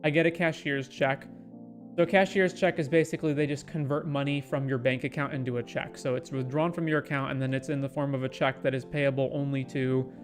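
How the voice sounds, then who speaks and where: A man telling a long, exasperated story in a casual, rambling way. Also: a little high. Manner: exasperated, rambling anecdote with quoted asides.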